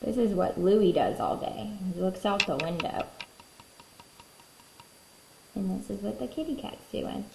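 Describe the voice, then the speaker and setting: A woman's voice: mid-range voice, measured pace, creaky, long pauses. A woman teacher reading a picture book aloud as if to a toddler, in simple words with questions to the little listeners. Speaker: kindergarten teacher. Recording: echoey room, faint background noise.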